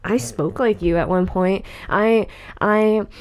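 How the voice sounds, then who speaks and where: A woman's voice: mid-range voice, slow, darkish tone. A woman in her late twenties co-hosting a podcast, talking casually with lots of fillers and restarts. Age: 20s. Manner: rambling, filler-heavy. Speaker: podcast co-host. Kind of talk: casual chat.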